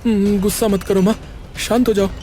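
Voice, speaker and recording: A man's voice: high-pitched, little pitch movement, a little fast, slight background noise, lightly acted. Munna, a man voicing a timid young man. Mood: pleading. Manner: pleading, soft-spoken. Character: gentle, timid young man, devoted to adoptive mother.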